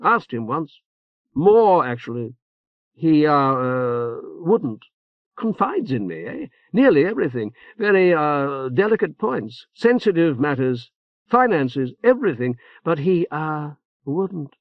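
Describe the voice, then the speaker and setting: A man puts on an exaggerated, sing-song voice, slightly high and above his natural pitch, to play a fretful older clergyman in an audiobook. The character stammers and hedges anxiously, full of "uh" and tagged "eh?"s, in a dry, dull, muffled recording.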